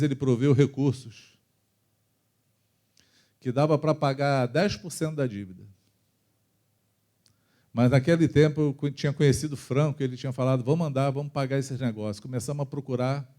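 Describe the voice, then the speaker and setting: A man with a Brazilian accent preaching a testimony in church, moving between loud and soft passages as he tells his story. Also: mid-range voice, normal speed, pauses often. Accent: Brazilian Portuguese. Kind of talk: sermon testimony.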